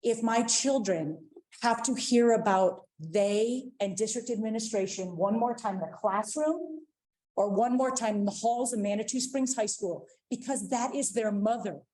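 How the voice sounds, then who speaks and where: Earnest woman pleading with mellow tone. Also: fairly high pitch, moderate pace. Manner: earnest and pleading, with repeated appeals. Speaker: public commenter, district administrator and parent. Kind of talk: public comment at a school board meeting. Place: school board meeting room.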